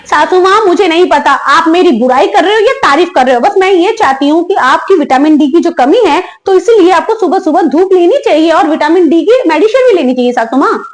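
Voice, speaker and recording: A woman voicing a lazy, cheeky young daughter-in-law who talks back quickly and chattily in a comic family sketch. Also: extremely high pitch, expressive. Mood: arguing. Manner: quick, chatty, giggly backtalk.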